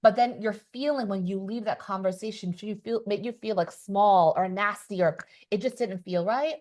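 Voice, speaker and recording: A woman's voice: mid-range voice, normal speed, darkish tone. A woman hosting a podcast in casual chat, talking emphatically and acting out the people she quotes. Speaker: podcast host.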